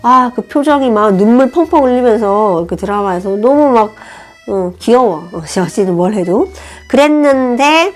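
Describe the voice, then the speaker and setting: Lively woman teaching a language. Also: medium pitch, normal speed. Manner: animated, friendly explaining. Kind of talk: language lesson, reading a novel aloud and explaining. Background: soft background music.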